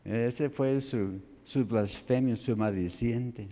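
A male preacher giving a sermon on a scripture passage, halting and spelling out Greek words letter by letter. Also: mid-range voice, warm tone.

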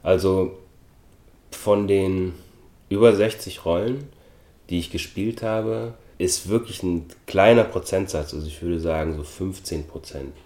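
A middle-aged man from Austria, an actor speaking as an interview guest in a thoughtful, measured way with frequent hesitations. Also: low voice, darkish tone, echoey room. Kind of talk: relaxed interview talk.

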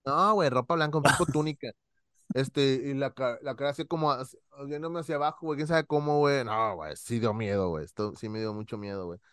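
A man, a podcast co-host telling stories in casual chat, animated and full of slang. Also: medium pitch, quick pace, hardly any pauses, clean tone, no echo, studio quality. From Monterrey, Mexico. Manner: animated storyteller, acts out voices, heavy slang.

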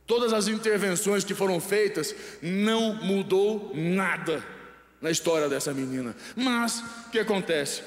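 High-voiced Brazilian man preaching in a hall. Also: a little slow. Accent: Brazilian Portuguese. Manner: quizzes the congregation, letting them finish his sentences. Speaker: pastor. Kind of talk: live sermon. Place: large church hall. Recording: echoey church hall with long reverb.

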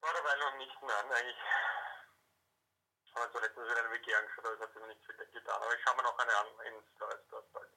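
A man speaks over a faraway phone line, his voice sharp and brilliant in tone. He talks quickly and keeps his answers short and easygoing. It sounds like a casual call-in chat. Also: medium pitch, little pitch movement, gravelly. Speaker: phone caller.

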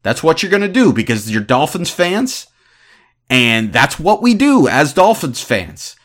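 A man in his thirties giving opinionated sports commentary as a podcast host, ranting in an animated, exasperated way. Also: on the high side, unhurried. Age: 30s.

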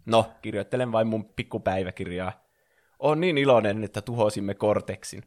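A man's voice: fairly low pitch, darkish tone, close to an everyday voice. A man voicing a teenage girl bandicoot who gets annoyed and protests in a raised voice. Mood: earnest. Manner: protesting, exclaiming. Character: teen girl bandicoot, bookish and easily annoyed.

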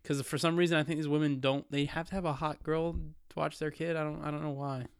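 A man co-hosting a casual podcast chat, joking around and teasing his friends, sometimes breaking into loud mock shouts. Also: on the high side, flat delivery, quick pace, vocal fry, clear, resonant tone, dry recording, studio quality. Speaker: podcast co-host. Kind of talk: casual banter.

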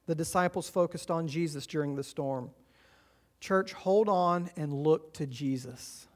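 High-voiced man preaching a sermon. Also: unhurried. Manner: earnest, encouraging, rises and drops in volume. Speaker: pastor.

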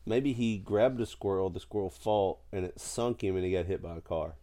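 Middle-aged man, sick, low pitch, relaxed mellow tone, casual joking podcast chat. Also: moderate pace. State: sick with a cold. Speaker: podcast co-host. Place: at home in a house.

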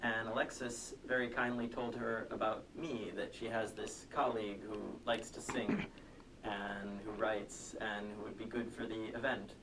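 An American man telling a story as an interview guest, measured and articulate, on a telephone connection. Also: fairly low pitch, little pitch movement. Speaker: interview guest, singer and songwriter. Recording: distant, noisy phone connection.

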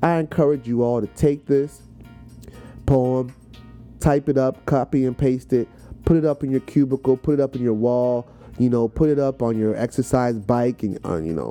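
Medium in pitch and dark in tone, an American man's voice carries an informal, emphatic motivational talk on his podcast. He explains a poem conversationally, focusing on what words mean and repeating phrases to make them stick.

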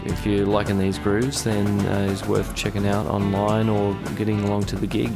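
A man's voice: lowish voice, completely flat delivery, normal speed, gravelly. A man hosting a podcast, giving an informal spoken introduction in a casual way. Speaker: host. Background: plucked guitar music.

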